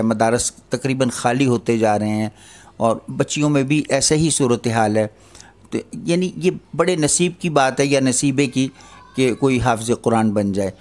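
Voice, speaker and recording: A man's voice: mid-range voice, a little mellow. An older man giving an earnest religious lecture, admonishing his listeners and posing rhetorical questions. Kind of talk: Islamic lecture on parenting.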